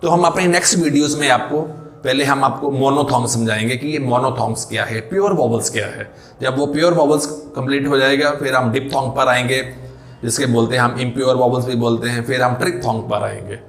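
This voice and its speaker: A man teaching English pronunciation in a classroom-style lesson, mixing Hindi with English terms and asking questions he answers himself, slowing down on key words. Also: mid-range voice, fairly bright tone, roomy sound.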